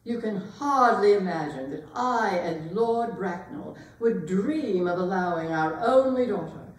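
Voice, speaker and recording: A woman's voice: mid-range voice, animated, measured pace, close to an everyday voice. A woman playing a haughty, imperious older aristocratic lady in a staged period comedy reading, pompous and emphatically disapproving. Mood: indignant. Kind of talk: theatrical readers' theatre performance of a period comedy. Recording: echoey hall, distant microphone.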